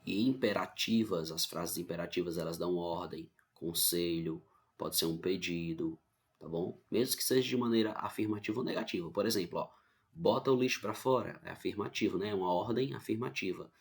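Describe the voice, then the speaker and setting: Gravelly-voiced Brazilian man teaching grammar. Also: low-pitched, brisk. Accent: Brazilian Portuguese. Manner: explains patiently, keeps checking with "tá bom?". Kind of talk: online grammar lesson.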